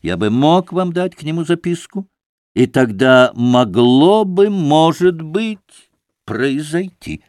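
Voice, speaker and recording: A man doing a haughty, impatient doctor in an audiobook. He speaks with careless authority and clips every syllable. The delivery is slow and deliberate, and the sound is dry and close. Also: fairly high pitch, very animated, a little mellow, no echo, pitched above the performer's own voice. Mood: curt impatient. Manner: clipped, stressing every syllable. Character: curt, impatient, self-important male doctor.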